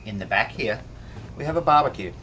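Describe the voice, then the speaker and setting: A middle-aged man giving a relaxed walkthrough of a catamaran's cabin and cockpit, plain-spoken with hesitant fillers. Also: mid-range voice, brisk, slight background noise. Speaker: boat charter owner giving a tour. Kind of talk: casual walkthrough tour.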